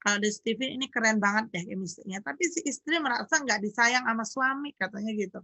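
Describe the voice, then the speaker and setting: A woman doctor giving an educational parenting talk, chatty and lively, speaking straight to the parents and acting out little dialogues. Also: quick pace, vocal fry, no echo. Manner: lively, acts out quoted dialogue with jumps in pitch; chatty, addresses parents directly.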